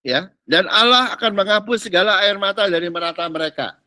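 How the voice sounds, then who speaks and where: High-voiced preacher, dry sound. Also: male voice, brisk, pushed and bright, no echo. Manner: casual preaching with street slang, rhetorical questions; mixes in English phrases. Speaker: pastor. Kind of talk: sermon.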